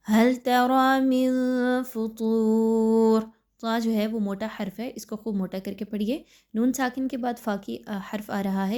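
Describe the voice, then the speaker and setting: A woman with an Urdu accent teaching Quran recitation, explaining the rules step by step and pausing to check that listeners have understood. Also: medium pitch, warm tone. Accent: Pakistani Urdu. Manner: explains step by step, then recites slowly and drawn out; checks understanding with repeated "clear?". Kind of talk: recorded recitation lesson.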